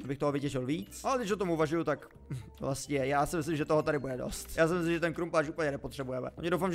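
A young man giving chatty, playful, self-mocking commentary while playing a video game. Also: mid-range voice. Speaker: gaming YouTuber. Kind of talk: Minecraft let's play commentary.

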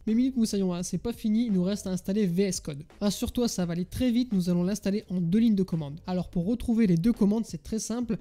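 A man narrates a screen-recorded tech tutorial at a quick clip. His voice is mellow and dark, casual and chatty, sprinkled with little fillers as he talks straight to the viewer. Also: high voice. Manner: casual, addresses viewer as tu, frequent "hein" fillers.

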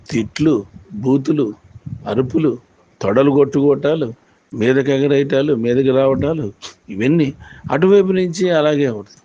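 A man retelling an event in storytelling commentary, animated and full of repetition. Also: mid-range voice. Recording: dull lo-fi with faint noise.

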